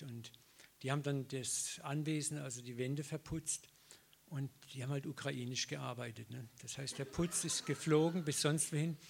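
A man's voice: medium pitch, gravelly. A middle-aged man preaching a sermon, telling personal stories with acted-out dialogue and frequent laughter. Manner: lively storytelling, acts out dialogue, laughs often.

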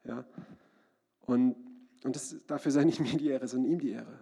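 A man delivers a sermon in a church hall, earnest and personal, now and then breaking into loud cries. His voice is gravelly and husky, dark in tone, sitting a little high for a man. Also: normal speed. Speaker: preacher.

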